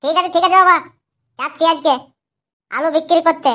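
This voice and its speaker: A performer voicing a squabbling young boy in a cartoon, with a squeaky, high child voice and quick, whiny bickering. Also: fairly even intonation, sharp tone. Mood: pleading. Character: squabbling young boy, street vegetable seller. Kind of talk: cartoon voice acting.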